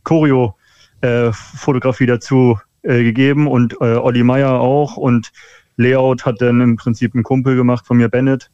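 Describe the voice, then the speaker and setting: A man's voice: medium pitch, flat delivery, normal speed, warm tone, clean tone, no echo. A man calling in over the phone as a guest, chatting casually and hesitantly with lots of filler sounds. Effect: over the phone, a WhatsApp call. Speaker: phoned-in guest, hobby photographer. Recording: dull, dry phone line.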